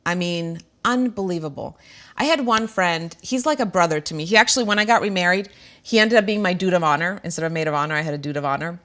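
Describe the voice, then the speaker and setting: A middle-aged talk show host speaks to viewers earnestly and emotionally about her own life, using lots of fillers. Her voice is fairly low and fairly bright, and she talks quickly.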